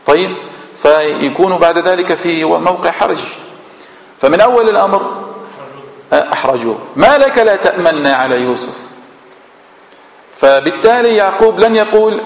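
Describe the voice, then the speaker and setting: Man, Levantine Arabic accent, mosque exegesis lesson, fairly high voice, answers his own questions, long hall echo. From Syria. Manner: asks rhetorical questions and answers them himself. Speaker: sheikh teaching Quran exegesis.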